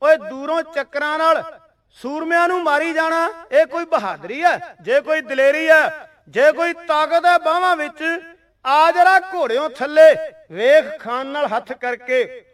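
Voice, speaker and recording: A man's voice: very high-pitched, measured pace, fairly bright tone, distant mic. A man doing a scornful young duelist. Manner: scornful, goading. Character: bold young male warrior challenging to a duel.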